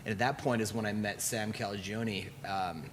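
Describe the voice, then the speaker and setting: A man's voice: lowish voice, moderate pace, slight background noise. A man who owns a brewery, telling a long personal story in a casual way and acting out the dialogue. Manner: animated, acts out quoted dialogue. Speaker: brewery owner.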